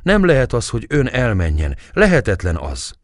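Gentle loving young woman, read by a man, soft earnest pleading, audiobook, dry close sound. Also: medium pitch, huge pitch swings, no echo.

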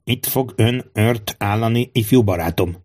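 Male reader as a soft-spoken, secretive court barber giving orders, storybook reading, slow and low. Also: close to an everyday voice. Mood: hushed orders. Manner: speaks softly, commanding.

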